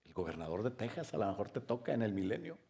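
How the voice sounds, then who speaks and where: A man preaching a sermon as pastor, firing rhetorical questions and joking asides, now loud and emphatic, now quiet. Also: on the low side, big pitch swings, quick pace, creaky. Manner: swings between loud emphatic stress and soft quiet stretches.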